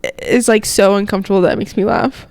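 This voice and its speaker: A young woman co-hosts a podcast from an indoor living room, chatting casually into a handheld mic held close. Her medium-pitched voice is a little mellow and fairly even, a bit fast, giggly and self-deprecating, with no echo.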